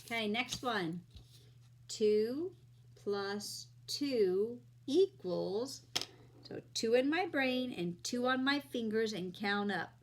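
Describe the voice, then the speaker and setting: A woman's voice: a little high, expressive, takes it slowly. A woman teaching young children like a kids' show host, explaining simply step by step and asking her listeners questions.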